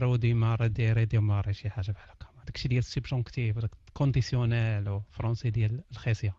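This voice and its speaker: A man's voice: medium pitch, dry recording, highs cut off. A Moroccan man with a Moroccan Arabic accent, chatting casually and jokingly to his online audience from behind his computer. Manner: animated, joking, laughs often. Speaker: online talk host. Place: at home behind a PC. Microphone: computer mic.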